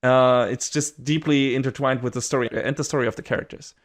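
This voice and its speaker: A man's voice: mid-range voice, fairly even intonation, brisk. A man co-hosting a podcast, chatting casually in a rambling way, swearing and laughing often. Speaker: podcast co-host.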